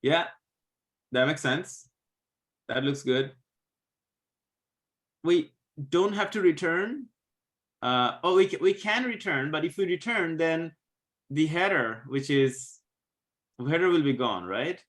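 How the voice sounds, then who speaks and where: A man teaching a live coding class, patiently walking students through code step by step, a bit hoarse as he loses his voice. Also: on the high side, lively intonation, takes it slowly, pauses often, fairly bright tone. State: losing his voice, coughing. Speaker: coding instructor.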